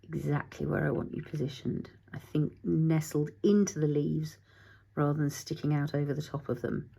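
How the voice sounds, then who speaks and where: A woman's voice: sits low, steady tone, moderate pace, creaky, dark tone, breathy edge. A middle-aged woman hosting a casual craft tutorial, chatting as she works, thinking aloud and talking to her materials, sometimes dropping to a whisper.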